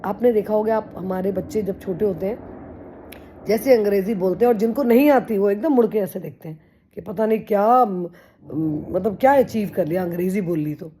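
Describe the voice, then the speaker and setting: A woman with a mellow, warm voice gives encouraging advice to her viewers. Her talk is earnest and chatty, with English phrases mixed in. A faint hum of ambient noise sits behind her. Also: mid-range voice, fairly quick. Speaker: vlogger. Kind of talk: casual motivational talk to camera.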